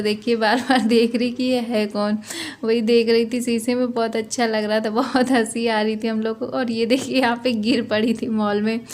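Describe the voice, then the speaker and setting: Chatty woman vlogger, narrow-pitched voice. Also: a little mellow. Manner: chatty, repeats herself, frequent tag questions. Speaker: vlogger and mother. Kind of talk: casual vlog narration over shopping footage.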